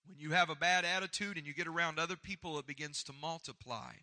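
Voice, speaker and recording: A man preaching a motivational sermon with emphatic, repetitive oratory, swinging between loud and soft and calling on listeners to respond. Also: a little high, fast talker. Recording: echoey hall with long reverb.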